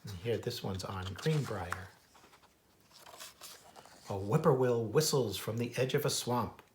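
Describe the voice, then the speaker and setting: Reading his own children's book, this American naturalist slips in casual comments about wildlife and does singsong bird-call imitations. He speaks a little slowly in a mid-range voice, with slight background noise.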